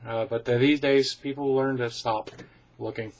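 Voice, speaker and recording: Talking directly to his webcam in a room at home, a man chats through viewer questions in a casual, rambling way, joking frankly at his own expense and stumbling through ums and restarts. His middle-pitched voice is fairly even, a little mellow and at normal speed, with slightly dull, lo-fi sound.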